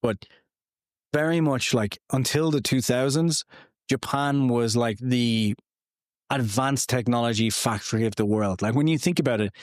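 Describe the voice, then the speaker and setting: A man's voice: medium pitch, moderate pace, no room sound, studio quality. A man in his thirties hosting a podcast, telling history in a casual, rambling way with lots of fillers and personal asides. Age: 30s. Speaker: podcast host.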